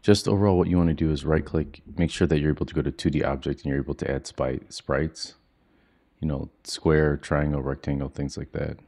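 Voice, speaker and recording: A man teaching a software tutorial from home in a quiet, low-key monotone, walking through each step casually with plenty of fillers. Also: brisk, creaky. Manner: relaxed walkthrough with frequent fillers. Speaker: coding instructor. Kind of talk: screen-recorded software tutorial. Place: home, with children asleep nearby.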